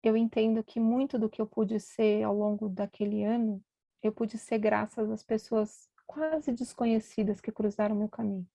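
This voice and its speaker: A woman's voice: mid-range voice, fairly even intonation, normal speed, vocal fry, mellow, no room sound. A middle-aged woman, a physician, giving a conversational storytelling talk at an event and acting out the voices of the people in her stories.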